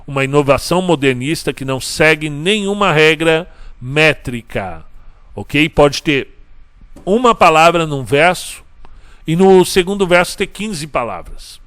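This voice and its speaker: A man gives a poetry lecture in a smooth, clear voice pitched a little high. He counts syllables aloud, slowly and one by one, and poses questions that he answers himself. He checks often that his listeners are following. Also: fairly bright tone. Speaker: teacher. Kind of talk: recorded class lecture.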